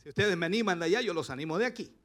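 A middle-aged man with a Chilean accent, preaching a sermon as pastor, passionate and rising to shouts. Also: sits high, animated, rapid-fire.

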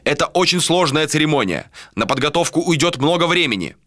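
A man's voice: on the high side, lively intonation, a little fast, fairly bright tone, dry recording, studio quality, voice pushed up. A man reading an audiobook voices a solemn male envoy in a raised, emphatic voice. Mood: insistent.

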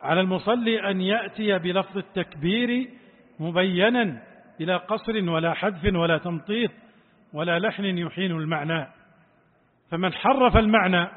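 A man teaching a religious lesson, explaining point by point, repeating phrases for emphasis and demonstrating pronunciations aloud. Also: high voice. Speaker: sheikh teaching a text. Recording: tinny phone-like lo-fi recording.

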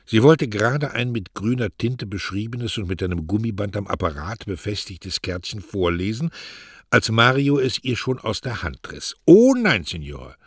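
A man narrating a novel in an expressive audiobook reading, on a close studio mic. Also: lowish voice, normal speed, slightly rough, no room sound. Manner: expressive storytelling.

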